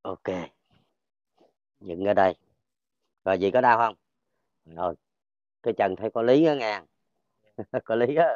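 A man with a Southern Vietnamese accent, a folk healer talking casually as he works, checking for pain and cheering loudly. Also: lowish voice, animated, measured pace, long pauses, no echo, highs cut off. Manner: keeps checking for pain, loud cheerful exclamations. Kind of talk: casual talk while treating a patient.

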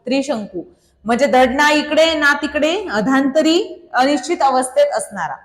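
Marathi lady teacher, highish voice, quizzing her class, lots of echo with a long tail. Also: lively intonation, moderate pace. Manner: quizzes students, reads options, praises by name; repeats questions and answers. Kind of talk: online exam-prep lesson. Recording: echoey room with long reverb.

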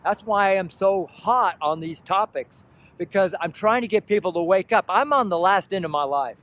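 A man's voice: high-pitched, moderate pace, fairly bright tone. A man in his sixties preaching outdoors beside a road, talking earnestly into a camera held at arm's length and repeating his points with pleading emphasis. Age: 60s. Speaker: street preacher. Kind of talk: outdoor street sermon to camera. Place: roadside outdoors by traffic. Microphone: selfie camera at arm's length. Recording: faint traffic noise outdoors.

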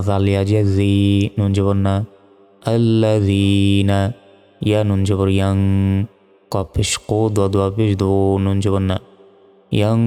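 A man's voice: lowish voice, dark tone, clean tone. A man teaching Quran reading with a Bangladeshi Bengali accent, spelling out each letter and vowel mark syllable by syllable before chanting the words. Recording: reverberant hall sound with faint music.

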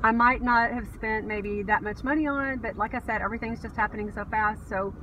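A woman's voice: a little high, fairly quick, a bit bright, distant mic, a little hiss or hum, low-quality recording. A middle-aged woman chatting casually to her phone camera from a parked car, rambling with lots of fillers. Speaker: reseller vlogger. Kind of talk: casual vlog chat. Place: parked car, then home living room. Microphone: phone camera at arm's length.

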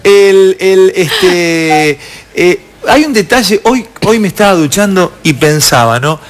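An Argentine man hosting a television talk show, animated and storytelling, often restarting his sentences. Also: high voice, slow. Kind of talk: lively panel banter. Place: TV studio.

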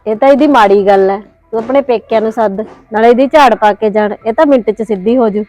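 An actress playing an insistent neighbor aunt giving advice in a drama. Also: female voice, a little high, quick pace, a little mellow, soft background music, close to an everyday voice. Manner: insistent, advising. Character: meddling older neighbor aunt, advising. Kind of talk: Punjabi web drama acting.

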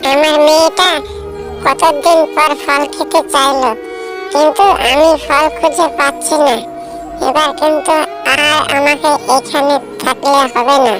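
In a high-pitched voice, a woman plays a caring, anxious mother tailorbird in a children's cartoon fable. She sounds worried, drawing out her words with pleading emphasis.

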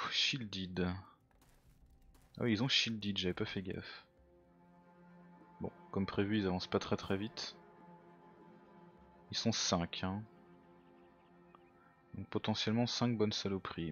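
Low-voiced man muttering through a strategy game. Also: steady tone, unhurried, long pauses, a bit bright, lo-fi sound, soft background music. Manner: thinks aloud, muttering to himself; self-mocking. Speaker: let's play gamer. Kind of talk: casual game commentary.

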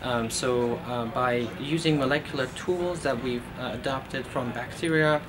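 A man in his thirties from Iran, a postdoctoral researcher, speaks earnestly in a documentary interview recorded in a lab office, using many fillers and restarts. His voice sits in the mid range and moves at a measured pace over a noisy background.

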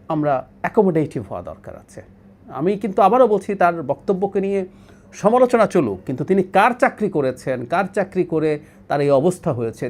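A man's voice: a little high, darkish tone. A middle-aged man hosting a solo political talk show, making his case with rhetorical questions. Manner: argumentative, poses rhetorical questions.

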